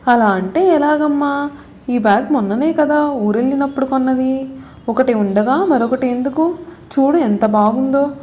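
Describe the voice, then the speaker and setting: A woman voicing a patient mother who coaxes and gently lectures her daughter, in a storybook reading. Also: high-pitched, moderate pace, lightly acted. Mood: coaxing. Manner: coaxing, explains a lesson.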